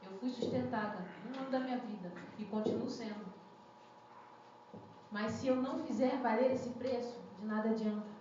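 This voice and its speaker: Here a young woman with a fairly high, steady voice preaches at a moderate pace, chatting with the congregation and asking them questions. Captured in an echoey church hall, the sound is muffled, lo-fi, and noisy in the background.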